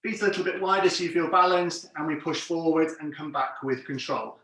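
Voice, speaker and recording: A man's voice: on the high side, brisk, a bit bright. A man instructing an exercise class, giving encouraging, plain step-by-step cues and counts. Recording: very echoey room, distant mic.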